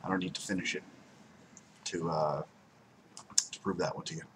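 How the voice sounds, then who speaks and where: A young adult man, recorded on a desk webcam in his home room near the blinds, rambles through a casual beer review and repeats words for emphasis. His voice is low, at normal speed with fairly even intonation, and there is background noise.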